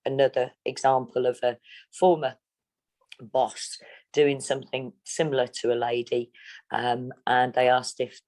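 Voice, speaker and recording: This is a candid interview with a middle-aged English woman who talks steadily, bluntly, and in a measured, plain-spoken manner. Her very deep voice is a little mellow and flat in delivery.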